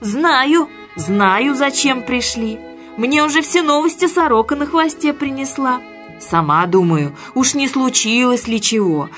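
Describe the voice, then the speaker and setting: A woman's voice: sits high, unhurried, fairly bright tone, faint music behind, voice pushed up. A woman voicing a wise old female owl in a storybook tale. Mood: knowing.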